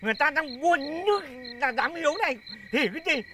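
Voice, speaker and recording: An actor playing a melodramatic, half-mad young man who wails and exclaims loudly in a slapstick comedy film. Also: lively intonation, a little fast, slight background noise, full character voice. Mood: indignant. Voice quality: high, wailing and exaggerated. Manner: loud exclamations and theatrical laments. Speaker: lovesick half-mad son. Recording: background music under dialogue.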